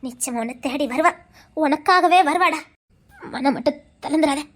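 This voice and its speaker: A woman playing a gentle old Tirunelveli grandmother. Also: sits high, moderate pace, lightly acted. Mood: consoling. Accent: Tirunelveli Tamil. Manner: gentle, reassuring, earnest. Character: loving old grandmother consoling her grandson. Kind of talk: village comedy drama acting.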